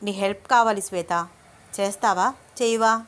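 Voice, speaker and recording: A woman's voice: mid-range voice, fairly even intonation, normal speed, fairly bright tone, natural voice. A woman voicing an earnest, puzzled young man in love, in her own voice.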